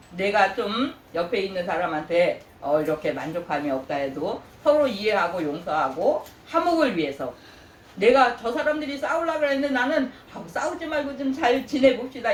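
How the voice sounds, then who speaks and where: A woman pastor preaching a sermon, animated, often asking the congregation questions and acting out God's praise in a high voice. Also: a little hiss or hum. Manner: asks the congregation questions, prompting with "예?". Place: church sanctuary. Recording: echoey church room, voice from a distant mic.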